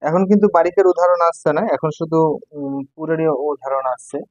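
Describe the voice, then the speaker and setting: A man's voice: a little high, a little fast, a little mellow, no echo, lo-fi sound. A man teaching Quran reading, spelling out letters one by one and repeating each syllable for learners. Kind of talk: step-by-step recitation lesson.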